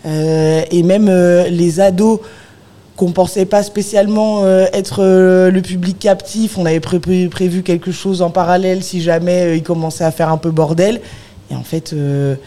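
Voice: medium pitch, little pitch movement, moderate pace, warm tone. Hesitant community centre speaker. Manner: hesitant, many fillers. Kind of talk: radio interview.

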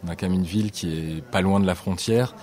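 A man, a guest on a radio show, explaining an event in a measured, informative way. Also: sits low, darkish tone. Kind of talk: radio interview.

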